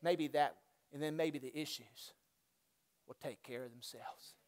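Male pastor, high voice, fervent church sermon with big swings from shouted to hushed. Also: a little slow. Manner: builds to loud fervent preaching, then drops to soft, near-whispered intensity; repetitive call-and-response exhortation. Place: church sanctuary.

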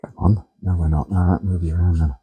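Low husky man in his workshop. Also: steady tone, quick pace, warm tone. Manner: chatty, talks viewers through each step as he works. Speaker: model engineering workshop host. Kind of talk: casual workshop demonstration. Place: home workshop, indoors. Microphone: camera on a tripod.

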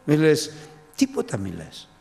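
A man's voice: fairly high pitch, wildly swooping pitch, gravelly, a little mellow, long reverb tail. A man preaching a fervent sermon, repeating phrases and calling his listeners brothers.

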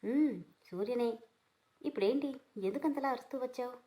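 A woman voicing a calm, teasing young husband in a read-aloud story, speaking coolly and with mockery. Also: fairly high pitch, fairly quick, natural voice. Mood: mocking. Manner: cool, mocking.

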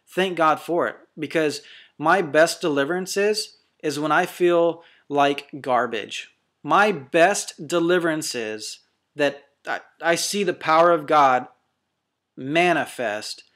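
A man preaching as a deliverance minister in a fervent, blunt monologue, swinging between quick bursts and slow, stressed lines. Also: a little high, fairly bright tone.

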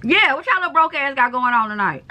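A young woman with a Southern US accent trash-talking strangers on a video chat app in loud, sassy, teasing banter. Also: high voice, expressive. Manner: sassy, teasing, drawn-out shouting. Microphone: phone or computer with video chat.

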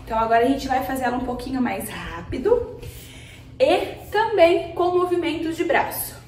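A woman's voice: sits high, expressive, normal speed, recorded from a distance, slight background noise. A woman with a Brazilian Portuguese accent teaching an online karate class, counting commands and encouraging her students patiently. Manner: counts commands and calls out short shouts. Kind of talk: online martial arts class instruction. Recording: echoey room, voice from off-mic.

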